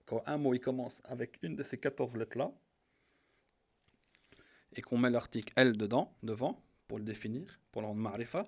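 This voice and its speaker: A man gives a patient grammar lesson. He has an even, mid-pitched voice. He slows down and leans on each example word as he repeats it. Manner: patient, repeats each example slowly and stresses the Arabic words. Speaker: Arabic teacher.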